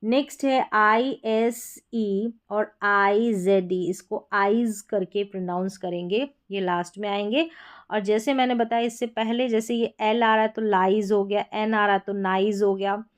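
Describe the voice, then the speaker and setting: Clear-voiced Indian woman teaching pronunciation. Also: mid-range voice, fairly even intonation. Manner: slow, deliberate, spells words letter by letter. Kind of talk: explaining spelling patterns.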